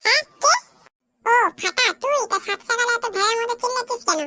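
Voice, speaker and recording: A woman voicing a scolding mother in a comic cartoon, in a sharp, nagging way. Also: very high-pitched, fairly quick, pitched above the performer's own voice.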